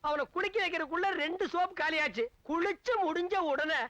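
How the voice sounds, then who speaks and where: A fussy, flirty comic busybody, high and sharp-toned. He rambles on in comic patter with sly muttered asides. The sound is dry and close. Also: fairly quick, dry recording. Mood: fussy, rambling. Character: fussy, flirty comic middle-aged man. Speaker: comic side character. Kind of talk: 1990s Tamil film comedy acting.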